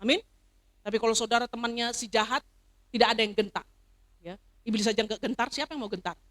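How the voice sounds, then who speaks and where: Bright-voiced woman preaching a sermon. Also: fairly high pitch, steady tone, fast talker. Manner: emphatic, rising to loud proclamations then dropping to soft personal stories. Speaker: pastor. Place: church service.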